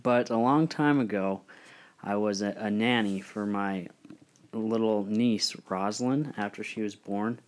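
A man's voice: lowish voice, measured pace. A young man hosting a casual chat, telling a story about himself with a laughing, self-deprecating manner. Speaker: podcast co-host.

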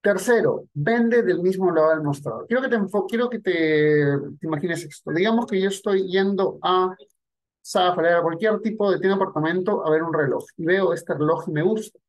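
A man's voice: high voice, moderate pace. A man teaching sales techniques in a direct, conversational monologue aimed at the listener. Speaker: sales coach. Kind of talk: instructional monologue.

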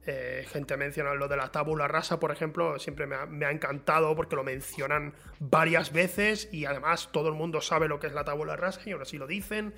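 A man hosting a casual film chat, relaxed and explanatory as he steers the conversation. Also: a little high, brisk, vocal fry, few pauses. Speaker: host.

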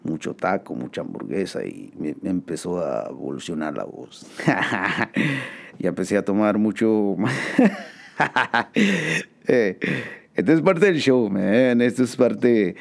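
A man's voice: low voice, expressive, slow, gravelly, pauses often, darkish tone. A man hosting a joking casual monologue, laughing often and dropping slang and English words. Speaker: host.

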